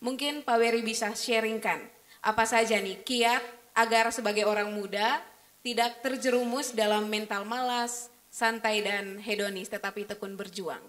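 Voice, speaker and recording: A woman's voice: fairly high pitch, steady tone, normal speed, a bit bright. A woman moderates a panel discussion. She speaks politely and formally, introducing each guest and handing over the floor.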